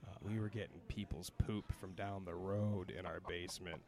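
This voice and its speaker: A man's voice: low-pitched, steady tone, moderate pace, a little mellow. A man chatting as a podcast guest at a comic and toy show, laughing often at his own stories. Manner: laughing, self-mocking storyteller. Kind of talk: casual podcast chat. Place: convention hall.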